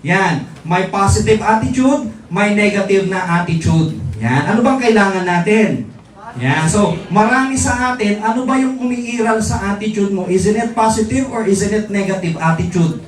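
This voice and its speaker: A man's voice: sits high, moderate pace. A middle-aged man, giving a live motivational seminar talk to distributors, teasing the audience and asking rhetorical questions. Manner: teasing, jokes with the crowd, asks rhetorical questions. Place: large indoor event hall. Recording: echoey hall from far off, faint crowd. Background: faint audience noise.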